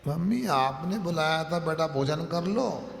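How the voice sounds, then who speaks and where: A man's voice: on the high side, lively intonation, measured pace, creaky. A man voicing a young child who is indignant at being scolded by his mother. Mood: aggrieved. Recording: reverberant hall.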